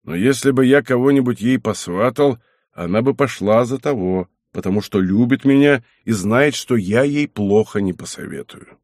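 A man reading an audiobook, voicing a hot-tempered, domineering old abbot who blusters and shouts. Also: mid-range voice, dry recording, clean studio sound, lightly acted. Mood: stern. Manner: blustering, shouting, quick to anger.

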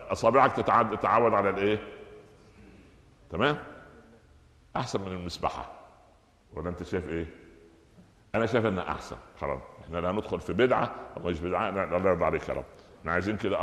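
A man with an Egyptian accent giving a lively Quran commentary lesson, asking his listeners questions and answering them himself. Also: on the low side, echoey room, big-room sound. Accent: Egyptian Arabic. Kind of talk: lively colloquial religious lesson.

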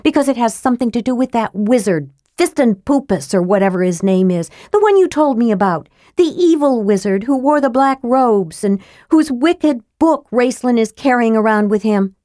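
A woman's voice: on the high side, lively intonation, moderate pace, few pauses, dark tone, no echo, pitched above the performer's own voice, natural voice. An earnest young man, loyal and awkward, who fumbles for words and answers with plain sincerity, as a woman narrator reads him. The voice sits close and dry, with no room around it. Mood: flustered. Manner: earnest, fumbling, lame replies.

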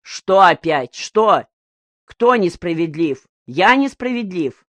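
This is an agitated old fishing brigade leader who argues with his crew in loud exclamations, as a woman reads him in an audiobook. The voice sits a little higher and louder than the narration. The sound is dry, with no room echo. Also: sing-song, slow pace, heavily acted. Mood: heated.

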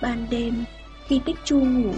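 A woman narrating a fairy tale in a slow, gentle reading voice. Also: fairly high pitch, level tone, over music. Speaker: storyteller.

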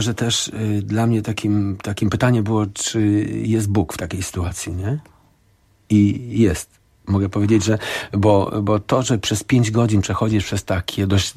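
A man being interviewed as a guest musician in a radio studio. He speaks haltingly and thinks aloud, often tagging his sentences with a question. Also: on the low side, a little mellow, breathy edge, no room sound. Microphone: studio microphone.

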